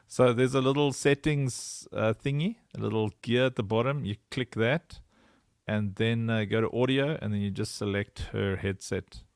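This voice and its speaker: A man's voice: fairly low pitch, measured pace, dry recording, studio quality. A man hosting a casual livestream chat over a video call, playful and sing-song, laughing often. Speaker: livestream host.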